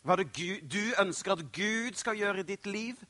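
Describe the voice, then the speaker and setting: A middle-aged male pastor preaching a sermon, telling stories dramatically and moving between hushed and loud passages. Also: sits high.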